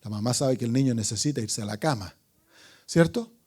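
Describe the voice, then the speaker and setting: A man preaching an evangelistic sermon as pastor, dramatic and swinging from loud calls to hushed asides, asking the congregation questions and calling for amens. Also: mid-range voice, lively intonation, fairly quick, slightly rough.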